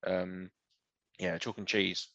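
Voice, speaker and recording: A man's voice: low voice, little pitch movement, slow, gravelly, pushed and bright, no echo, highs cut off. A young man hosting a football podcast, chatting enthusiastically. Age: young adult. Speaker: podcast host. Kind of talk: casual podcast chat.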